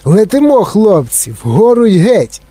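A man's voice: high-pitched, big pitch swings, unhurried, warm tone, voice pushed up, full character voice. Willy Wonka, a man doing a giddy gushing showman. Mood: excited. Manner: gushing, breathless, exclamatory. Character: giddy eccentric male candy-factory owner.

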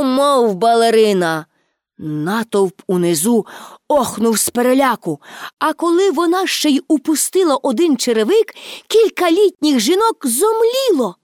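A woman narrating a children's story aloud, expressive and with dramatic pauses. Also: high voice, dry recording, clean studio sound.

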